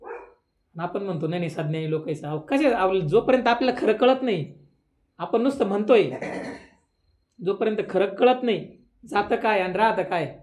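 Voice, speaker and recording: Village preacher telling a parable. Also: male voice, high-pitched, expressive, normal speed, long pauses, darkish tone. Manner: conversational, rising into emphatic questions. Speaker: kirtan preacher. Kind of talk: devotional sermon with storytelling.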